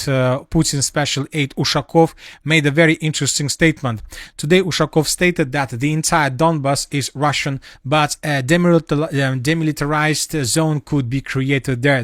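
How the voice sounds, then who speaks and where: A man with a manner giving a solo spoken analysis of war news, halting often with fillers and restarts. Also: a little high, no room sound, studio quality. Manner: halting, many fillers and restarts, non-native phrasing.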